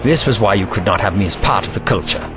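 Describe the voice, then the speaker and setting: An actor playing the Doctor, an earnest male time traveller, expressive and indignant. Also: lowish voice, fast. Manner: expressive, indignant, gentle with a child. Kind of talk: fan audio drama.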